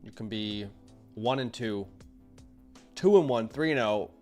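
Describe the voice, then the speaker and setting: A man's voice: on the low side, measured pace, darkish tone, faint music behind. A man hosting a casual fantasy football livestream, talking upbeat and straight to his chat through a headset mic. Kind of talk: casual live-stream chat.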